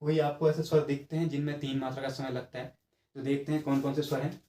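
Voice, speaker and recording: A man's voice: mid-range voice, little pitch movement, quick pace, warm tone. A man giving an exam-prep grammar lesson, explaining step by step, checking in with his students and stretching sounds out to demonstrate them. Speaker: teacher. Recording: echoey room.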